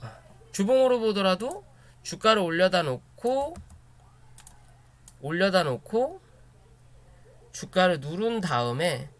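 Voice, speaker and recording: A man's voice: sits high, expressive, takes it slowly, pauses often. A man giving a stock chart analysis lecture. He points at chart spots, repeats short phrases, hesitates often, and asks rhetorical questions that he answers himself. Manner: frequent filler hesitations. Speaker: stock market instructor.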